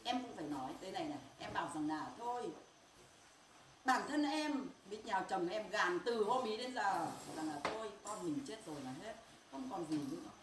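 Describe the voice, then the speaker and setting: A grieving middle-aged woman speaks in a pained, insistent way and keeps circling back to the same points. She is heard from some distance off the mic in an echoey room. Loud background noise runs under her voice. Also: medium pitch, expressive, moderate pace. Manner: pained, insistent, repeats herself. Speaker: grieving mother. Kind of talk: emotional family confrontation.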